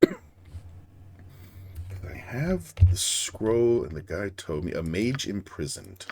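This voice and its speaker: A man's voice: on the low side, sing-song, takes it slowly, gravelly, dark tone. A man streaming a game live, chatting casually and rambling off on tangents as he answers his chat.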